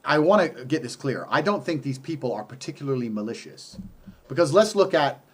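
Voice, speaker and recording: A man's voice: mid-range voice, lively intonation, brisk, breathy edge. A man in a heated conversation, talking in a combative way and swearing freely.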